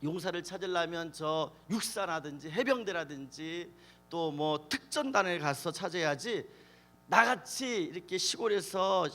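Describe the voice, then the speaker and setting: A timid young farmer pleads and argues in a thick Jeolla dialect, as a pastor puts him on in a sermon. The voice sits high and talks in a drawn-out way. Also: male voice, lively intonation, sharp tone, full character voice. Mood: protesting. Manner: pleading, protesting. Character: timid young male farmer, complaining and protesting.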